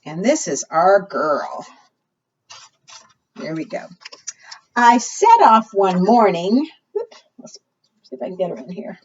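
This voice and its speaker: A female children's librarian with a medium-pitched, husky voice reads aloud expressively at an unhurried pace, asking her young listeners questions along the way. She was recorded from a distance, so the sound is dull.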